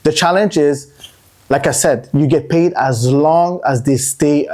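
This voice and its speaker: His voice is a little high and darkish, delivered at a measured pace. He's an entrepreneur from Montreal, Canada, guesting on a casual podcast and telling his story in a chatty, looping manner full of repeated words.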